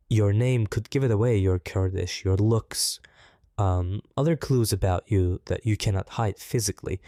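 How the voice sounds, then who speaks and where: A man, his voice disguised to sound deep, speaking thoughtfully and in a measured way in an interview. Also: mellow, no echo, studio quality. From Turkey. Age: 20s. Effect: voice disguised, altered deeper. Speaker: interview guest. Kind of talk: reflective personal interview.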